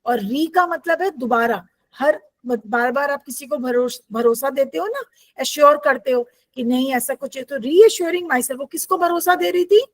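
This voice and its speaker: A woman teacher, reading English lines slowly and explaining them in Hindi with questions to her students. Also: high-pitched, no echo, low-quality recording. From India.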